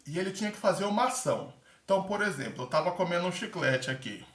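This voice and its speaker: A man's voice: sits high, lively intonation, fast talker, a bit bright. A man giving casual, chatty tips about a theater aptitude test, acting out little examples as he goes. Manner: chatty, full of fillers, acts out examples. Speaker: former theater-course candidate giving tips. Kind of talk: casual advice vlog. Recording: echoey room, mic at a distance.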